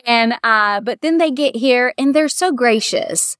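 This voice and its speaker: A middle-aged woman with a Kentucky accent, a bridal shop owner talking warmly and at length in a casual interview. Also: fairly high pitch, a little slow, smooth, no room sound, studio quality. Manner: chatty, heartfelt, quotes others in lively voices.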